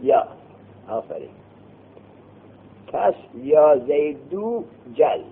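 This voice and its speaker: A man teaching a grammar class, quizzing his students with quick questions, answering them himself and scolding them to put things away and listen. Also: high-pitched, slightly rough. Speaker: seminary teacher. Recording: tinny phone-like lo-fi recording.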